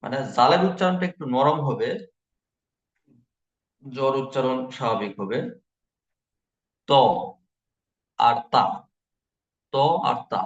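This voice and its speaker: A man teaching Quran recitation in an online lesson, patiently repeating each letter sound slowly for learners. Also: medium pitch, expressive, echoey room, muffled recording.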